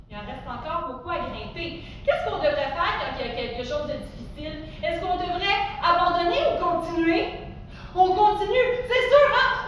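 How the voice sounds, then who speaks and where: A woman with a Quebec French accent, a martial arts teacher leading young children through a playful, encouraging story exercise with sudden excited exclamations. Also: sits high, a little hiss or hum. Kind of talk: guided story exercise for kids. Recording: very echoey room, voice far from mic.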